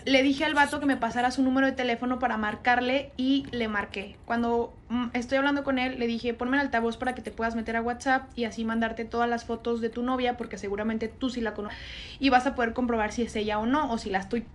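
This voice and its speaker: A woman's voice: on the high side, steady tone, fast talker, slight background noise. A young Mexican woman casually telling a dramatic personal gossip story, chatty and full of slang. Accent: Mexican Spanish. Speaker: storyteller on social media.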